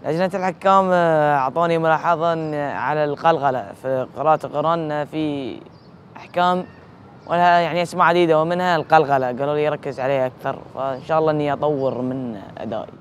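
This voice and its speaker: A man's voice: fairly high pitch, slight background noise. A man, a contestant reciter, reflecting on his performance and the judges' notes. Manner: quick reflective self-assessment.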